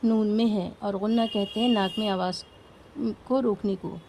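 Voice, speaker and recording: A woman teaches a recitation class with a patient, step-by-step manner. Her voice is warm and mellow, at an ordinary middle pitch. Now and then she stops to ask her students questions. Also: steady tone, a little hiss or hum. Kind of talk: explaining lesson to a class.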